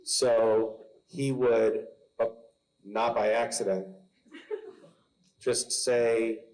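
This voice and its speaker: A man's voice: mid-range voice, little pitch movement, very slow, darkish tone, low-quality recording. A man on a convention panel telling funny stories about his kids, laughing as he goes and acting out the voices. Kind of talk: funny anecdote telling on stage.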